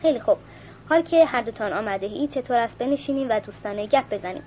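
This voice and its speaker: A woman's voice: fairly high pitch, expressive, a little mellow, natural voice. Coy teasing marquise, read by a woman. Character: flirtatious teasing noblewoman, playful and coy. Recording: muffled with faint hiss.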